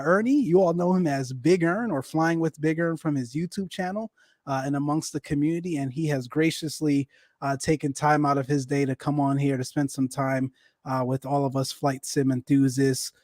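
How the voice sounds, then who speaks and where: Friendly higher-voiced male podcast host. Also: no room sound, studio quality. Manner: relaxed, filler-heavy, welcoming. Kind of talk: casual podcast interview.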